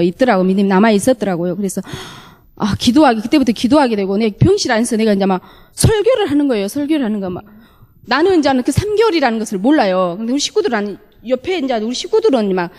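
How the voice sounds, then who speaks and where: A woman gives a church testimony at a brisk, tumbling pace. Her voice is dark and mellow, and she tells her story earnestly, acting out her own past words. A long reverb trails behind her, as in a large hall. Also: a little high.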